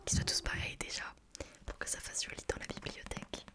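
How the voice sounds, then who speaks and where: A woman speaking in a soft, breathy library whisper, chatting informally in an ASMR book review style. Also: brisk.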